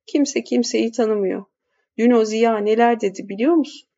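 A querulous old grandmother who mutters and frets, her voice a bit gravelly, as a woman reader puts her on. The recording sounds dull and lo-fi. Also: on the high side, moderate pace, warm tone. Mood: fretful muttering. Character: elderly forgetful grandmother, suspicious, fretful.

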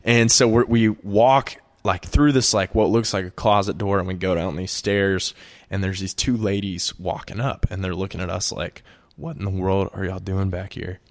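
Low-voiced man rambling a story. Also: steady tone, moderate pace. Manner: rambling, heavy filler "like", laughs often. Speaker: guest musician. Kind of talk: casual storytelling.

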